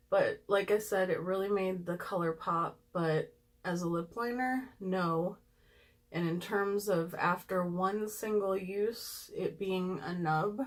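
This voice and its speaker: A woman talking casually and candidly to her viewers as she reviews makeup products, with frequent ums and asides. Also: medium pitch. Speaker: beauty vlogger.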